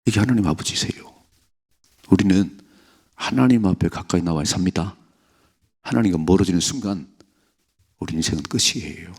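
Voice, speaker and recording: Gravelly low-voiced pastor preaching. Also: male voice, moderate pace, pauses often, a little mellow. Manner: earnest preaching, acting out quoted voices. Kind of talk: sermon.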